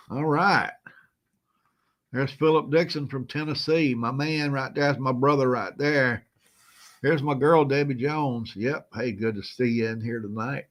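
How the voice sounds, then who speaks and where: Guy hosting his live chat, folksy and chuckly, feeling kinda slow today. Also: mid-range voice, a bit bright. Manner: folksy, chuckling, greets viewers by name. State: feeling unwell, moving slow. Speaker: host of a live stream. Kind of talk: casual live-stream chat.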